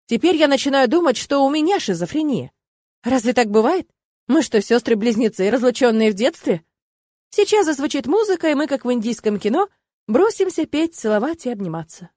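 A woman reads a first-person novel with wry irony and lively expression. Her voice sits a little high, and the recording is dry and close. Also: no echo. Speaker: audiobook narrator. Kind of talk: first-person audiobook narration.

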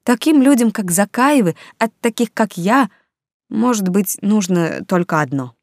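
A woman's voice: mid-range voice, lively intonation, a little slow, no echo, pitched above the performer's own voice. A woman voicing a reserved, sober-minded young single mother who speaks wryly, in a dry close reading. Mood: guarded. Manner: wry, reserved.

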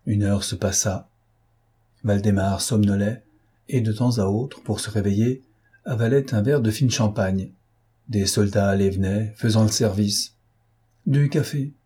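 A man reading a novel aloud as an audiobook narrator, in a measured, even storytelling manner. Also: on the low side, slightly rough.

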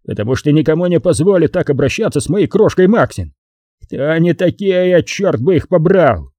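A man doing a blustering, gruff tycoon. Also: animated, moderate pace, dark tone, dry recording, studio quality. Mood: blustering angry. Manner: booming, gruff. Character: blustering bald middle-aged tycoon, hot-tempered.

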